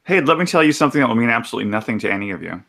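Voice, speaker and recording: Gravelly man on a call, chatty and talkative. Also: mid-range voice, very animated, very fast, a bit bright. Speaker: guest in a voice chat. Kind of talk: casual voice chat.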